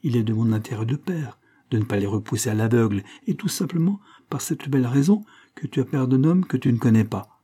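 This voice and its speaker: Man reading a strict old-school dad laying out his reasons, husky mellow voice, audiobook. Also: mid-range voice, animated. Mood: firm. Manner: measured, lecturing, firm. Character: stern, reasoning middle-aged merchant father.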